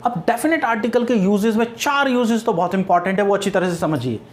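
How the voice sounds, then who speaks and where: A male English grammar teacher speaks quickly in a high voice during a classroom-style lesson. He repeats key points, asks questions and answers them himself, and dictates example sentences word by word.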